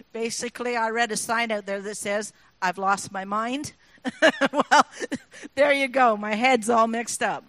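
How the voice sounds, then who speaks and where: A woman's voice: a little high, steady tone, slow, long pauses, fairly bright tone, dry recording. A woman giving an informal, chatty talk to listeners, explaining things and often putting questions to them. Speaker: speaker addressing an audience. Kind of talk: informal talk explaining sayings, with recited examples.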